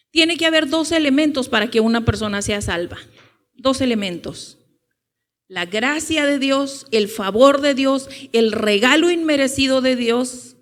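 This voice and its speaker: A woman preacher walks through scripture in a loose, conversational way. She fills pauses with short asides and asks rhetorical questions. She slows down on the points she wants to land. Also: fairly high pitch. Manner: informal, with rhetorical questions and many "eh" and "ok". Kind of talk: conversational Bible teaching.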